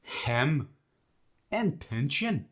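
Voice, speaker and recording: A man with a high, very animated voice takes a measured pace as a boastful Scottish dialect master. He demonstrates sounds emphatically and swaggeringly for a comic lesson, sounding confident as he instructs.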